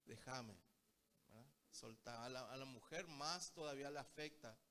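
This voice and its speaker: In a mid-range voice that sounds pushed and bright, at normal speed, a man from Paraguay preaches from the Bible through stories. He constantly calls the people listening his brothers.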